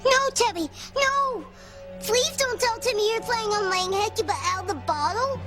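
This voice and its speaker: A tiny, panicky male doll, voiced by a woman begs and warns in a piping, squeaky voice, pitched extremely high. Music runs clearly behind this soap opera scene. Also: expressive, moderate pace. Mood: pleading.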